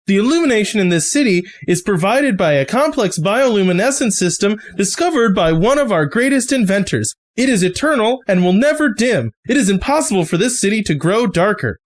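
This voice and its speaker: A game master voicing a dutiful male guide robot in a tabletop game, speaking in a stiff, recited way that sits a little higher than their own voice. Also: big pitch swings, brisk, few pauses, lightly acted. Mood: formal. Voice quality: stiff, formal, recited delivery.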